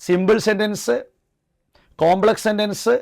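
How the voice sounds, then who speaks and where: A man's voice: high voice, steady tone, measured pace, creaky. A man teaching for exam preparation. He puts a question to the class, answers it himself and says the key words over again.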